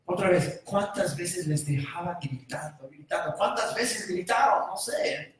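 High-voiced preacher, booming and echoey. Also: male voice, lively intonation, a little slow, slight background noise. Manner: swings from quiet musing to loud shouting. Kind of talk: sermon. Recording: roomy echo from far off.

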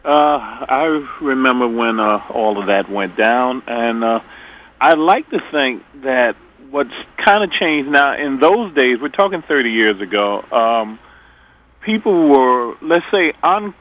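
Older guy w ny calling a radio show, bit deep, thinks out loud, muffled line. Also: expressive, slow pace. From Queens, New York. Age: middle-aged or older. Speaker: radio call-in caller. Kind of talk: casual spoken opinion. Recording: dull lo-fi radio phone call.

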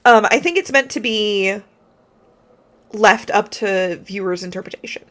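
A woman's voice: medium pitch, unhurried, a bit bright. A woman co-hosting a podcast, chatting casually and enthusiastically about a film and talking through her ideas. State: slight hiccups. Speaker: podcast co-host. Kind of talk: casual film review chat.

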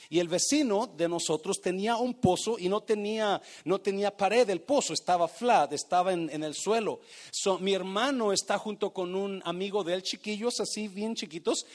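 A middle-aged man delivers a sermon from the pulpit. His voice sits high for a man. He tells a personal story with dramatic flair and swells loud on key words. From Mexico. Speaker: pastor.

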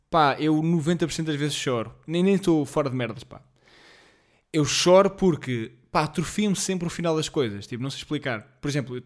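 A man in his twenties with a European Portuguese accent, rambling through a casual solo podcast with lots of slang and fillers. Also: a little high. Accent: European Portuguese, Lisbon slang. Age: 20s. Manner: rambling, slangy, self-deprecating, many fillers; apologetic about being jittery and off rhythm. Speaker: podcast host.

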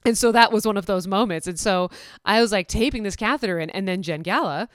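A woman hosts a casual storytelling podcast, sharing stories from her job as a veterinary technician in a chatty, self-deprecating way with many restarts, describing herself as a nervous person. Her mid-range voice moves a little fast, captured in a dry, clean studio recording.

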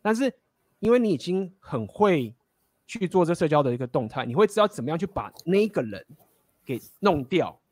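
Man, quick blunt talk, slightly high voice, dry close sound. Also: sing-song, a little mellow, dry recording. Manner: blunt, profane, laughing often. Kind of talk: casual storytelling and dating advice.

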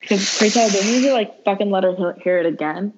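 Excitable woman chatting, lo-fi sound. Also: mid-range voice, fairly quick, background noise. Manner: excited, swears casually, laughs often. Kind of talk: casual chat reviewing a TV show.

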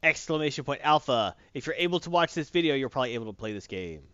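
Lively animated man on a livestream. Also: mid-range voice, fast, clean tone, dry recording. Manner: animated, jokey, reads shout-outs. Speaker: co-host of a game stream show. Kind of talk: casual livestream chat and giveaway. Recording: dull lo-fi dry stream audio.

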